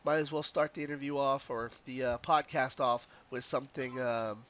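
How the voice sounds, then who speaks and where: A man hosting a relaxed podcast chat while getting over a cold, easygoing and joking with lots of fillers. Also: medium pitch, moderate pace. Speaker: podcast host.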